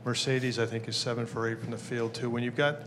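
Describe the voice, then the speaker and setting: A man's voice: mid-range voice, little pitch movement, fairly quick, noisy background. Rambling male sports reporter. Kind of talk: press conference question.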